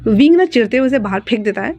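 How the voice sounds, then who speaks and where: A woman's voice: fairly high pitch, lively intonation, quick pace, mellow. A woman narrating her own fan fiction, storytelling with chatty asides to listeners. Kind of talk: reading fan fiction aloud.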